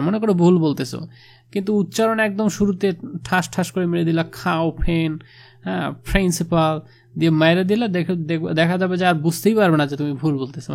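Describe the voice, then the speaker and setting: A man talks through a school text for his students in a relaxed, chatty manner. His voice is gravelly and sits a little high. He keeps nudging his points along with quick affirmations as he explains. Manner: casual, conversational, with frequent filler affirmations. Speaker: teacher.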